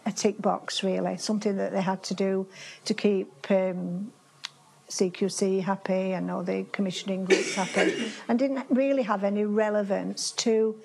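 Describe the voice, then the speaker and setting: A Yorkshire woman with a gravelly, mid-range, darkish voice gives a conference presentation in a seminar room with a projector screen. She's chatty, with frequent restarts and fillers. The audio quality is poor.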